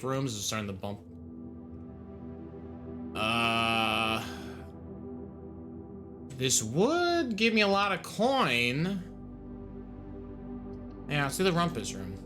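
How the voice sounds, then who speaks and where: Guy doing a let's play, jokey and slangy, voice swings up and down, music behind him. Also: medium pitch. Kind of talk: casual gaming commentary.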